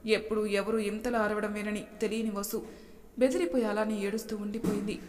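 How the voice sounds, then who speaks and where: A woman telling a story in a steady, expressive way, at a middle pitch. A long reverb trails after her words. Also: a little fast. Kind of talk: narration of an audio story.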